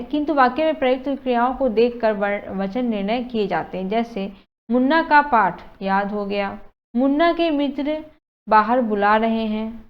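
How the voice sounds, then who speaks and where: A woman teacher, explaining a lesson in a chatty way, often checking "okay" with students and mixing in English words. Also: fairly high pitch. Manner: chatty, mixes in English words, frequent "theek hai" checks. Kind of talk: casual classroom explanation. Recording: dull lo-fi sound.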